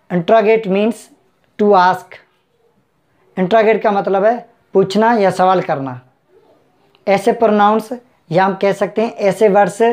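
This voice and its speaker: A man's voice: high-pitched, darkish tone. A man teaching English grammar in an online lesson, restating each point several times and speaking straight to his viewers. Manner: repetitive, keeps addressing viewers directly. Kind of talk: bilingual grammar tutorial.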